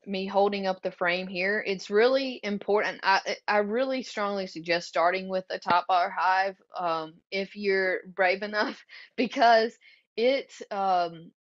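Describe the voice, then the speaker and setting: A woman's voice: mid-range voice, a little slow, lo-fi sound. A woman with a Southern US accent giving a conversational webinar presentation, earnest and loose, with frequent ums and restarts. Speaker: beekeeping workshop presenter.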